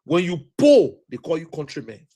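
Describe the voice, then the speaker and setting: A Liberian man with a Liberian English accent delivers an impassioned political talk, emphatic and repetitive, in a preacher-like cadence. His mellow voice is a little high, swinging widely in pitch, at normal speed.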